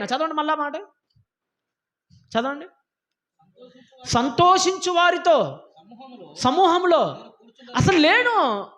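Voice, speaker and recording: A man's voice: extremely high pitch, fairly bright tone. A man preaching a sermon in a church, scolding his listeners with emphatic rhetorical questions. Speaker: pastor. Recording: dull lo-fi sound.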